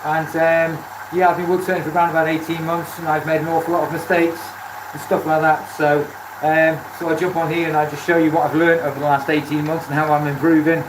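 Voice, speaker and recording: Livestreaming from his indoor woodturning workshop, a beginner turner from Wales talks briskly in a Welsh accent with little pitch movement. He keeps it casual and repeats phrases for emphasis. A lathe motor rumbles loudly through the echoey space.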